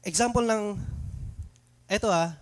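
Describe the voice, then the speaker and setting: A man's voice: sits high, unhurried. A young man preaching a sermon in a conversational way, asking rhetorical questions, slipping English phrases in, and sometimes stumbling and restarting words. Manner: mixes English phrases into his talk.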